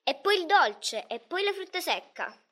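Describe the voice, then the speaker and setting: A poor shoemaker's wife in a Christmas storybook, voiced by a woman reader. She sounds bright and sing-song, with a high voice and playful, lively phrasing. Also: a little slow, full character voice. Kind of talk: storybook reading.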